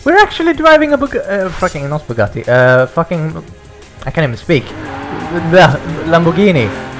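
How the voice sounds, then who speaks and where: A young man hosting a racing game let's-play, excitable and stammering, laughing and swearing as he reacts. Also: fairly high pitch, normal speed, faint music behind. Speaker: gaming channel host.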